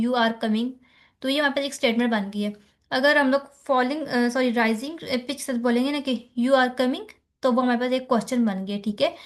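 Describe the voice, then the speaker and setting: A woman teaching an online phonetics lesson with a Pakistani accent, explaining slowly and checking in often. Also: fairly high pitch. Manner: code-switching, slow explanatory, repeats "theek hai". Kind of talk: online lecture.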